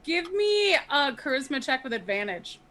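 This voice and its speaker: A woman's voice: sits high, very animated, normal speed, a bit bright, a little hiss or hum. A woman acting as game master, casually refereeing and narrating a tabletop game.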